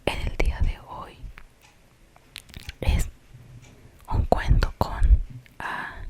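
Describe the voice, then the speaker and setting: A storyteller with a Colombian accent whispers an ASMR tale in a hushed, slow, suspenseful manner, pausing for explanatory asides.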